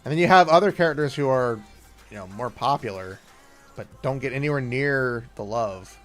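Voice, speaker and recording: A man's voice: medium pitch, expressive, normal speed, soft background music. Laid-back male streamer, rambling chat. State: sleepy, yawning. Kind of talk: casual gaming stream chat.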